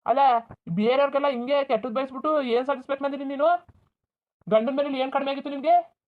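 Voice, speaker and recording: A furious young village man, voiced by a voice actor in a cartoon, scolding his family with bitter, shouted words. The audio is thin and tinny, like a phone line. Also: sits high, fairly even intonation, fast, close to an everyday voice. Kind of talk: Kannada village cartoon dub.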